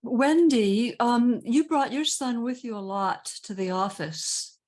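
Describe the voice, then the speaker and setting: A woman with a fairly high voice asks friendly questions on a video call. Her manner is light and conversational. The call sound is plain. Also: takes it slowly, a little mellow. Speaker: former office colleague.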